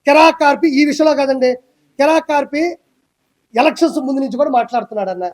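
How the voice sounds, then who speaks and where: High-pitched, fast, fiery ranting man. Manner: loud, emphatic, repetitive ranting. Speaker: interview guest. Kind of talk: heated political interview.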